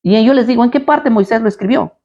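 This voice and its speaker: A man's voice: very high-pitched, quick pace, warm tone, muffled recording. Combative man preaching with rhetorical questions. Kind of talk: live Bible study preaching.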